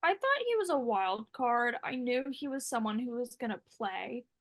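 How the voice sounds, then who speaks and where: A young woman who was once a contestant chats casually in an interview, rambling with lots of "like" and "um". Her voice is a little high with big pitch swings, and she speaks at normal speed.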